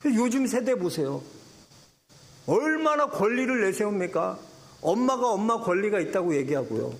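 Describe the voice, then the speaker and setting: A man's voice: high-pitched, moderate pace. A middle-aged male pastor preaching a sermon, acting out the voices of the people in his story. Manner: animated preaching, acts out biblical voices.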